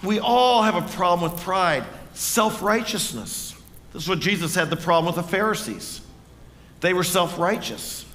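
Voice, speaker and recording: A man's voice: sits high, animated, moderate pace, bright, forceful tone, long reverb tail. A man preaching a sermon in a church, earnest and conversational, often asking the congregation questions. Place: church sanctuary.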